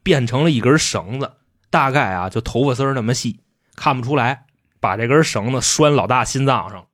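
Male host, animated comic storyteller, big pitch swings. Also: fairly quick. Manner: animated, slangy, laughing often. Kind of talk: comic retelling of a classic novel.

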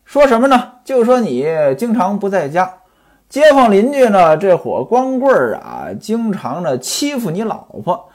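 A male storyteller voicing a smooth-talking, scheming middle-aged hanger-on who coaxes a friend with advice, in a husky, lively voice. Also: high voice, a little slow, heavily acted. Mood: coaxing. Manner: coaxing, persuasive advice.

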